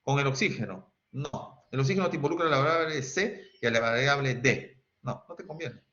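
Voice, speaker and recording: Un profesor con acento peruano que da una clase de química en línea y pregunta "¿sí?" a cada rato a sus alumnos. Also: male voice, medium pitch, brisk, bright, forceful tone. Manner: quizzing students, asking "¿sí?" often, sings snatches. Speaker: teacher. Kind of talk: online chemistry class. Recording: dull lo-fi sound.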